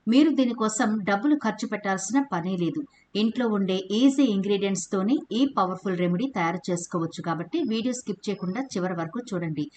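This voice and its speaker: A woman with a mid-range voice narrates a home remedy video in a steady, explanatory voice-over. She greets viewers as friends and walks through each step plainly. A faint hiss of noise sits under the recording. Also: medium pitch. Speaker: home remedy channel host.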